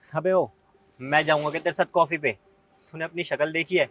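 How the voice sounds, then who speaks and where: A man's voice: on the high side, steady tone, a little fast, fairly bright tone, a little hiss or hum, natural voice. A young man playing an arrogant, boastful rich man who insults his ex-girlfriend in a web skit. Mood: taunting. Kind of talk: Hindi web skit acting.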